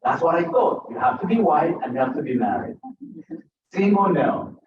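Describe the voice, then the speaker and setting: This Ugandan author, English not his first language, keeps things conversational at a bookstore event, trading jokes with listeners between stories. His slightly high voice swings widely in pitch at a moderate pace, over a noisy background in a distant, roomy, dull recording.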